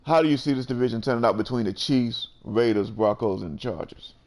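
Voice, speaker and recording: A man's voice: mid-range voice, brisk, darkish tone. A man hosting a casual sports chat, laid-back and peppering his talk with "you know". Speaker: host.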